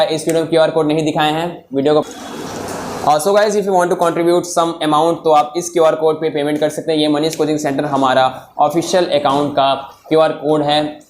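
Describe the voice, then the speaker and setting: A man with a somewhat high voice teaches students in a coaching classroom. He keeps nudging them to work things out, repeats his prompts, and dictates notes slowly, word by word. His throat is sore from talking, and a light background hum runs under his voice. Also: a little mellow. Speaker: physics tutor.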